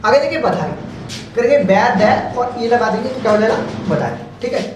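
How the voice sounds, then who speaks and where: A man's voice: extremely high pitch, expressive, a little fast, a little hiss or hum. A man teaching shorthand step by step, explaining patiently and repeating each word as he goes. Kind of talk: step-by-step stenography lesson. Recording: very echoey room, mic far off.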